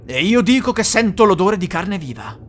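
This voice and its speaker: A gruff, menacing fairy-tale ogre, as the storyteller puts him on. He snarls loud threats with his voice swinging widely. Faint music plays behind him in the storybook reading. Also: mid-range voice, big pitch swings, normal speed, lightly acted. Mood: suspicious. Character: cruel hungry male ogre, gruff and menacing.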